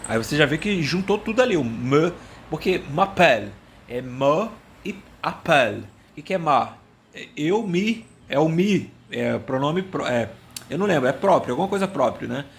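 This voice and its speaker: Man, slightly high voice, joking monologue full of stumbles and self-mockery, faint background hiss. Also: animated, moderate pace, creaky. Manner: rambling, self-mocking, stumbles and searches for words. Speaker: language video host. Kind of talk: casual comedic monologue.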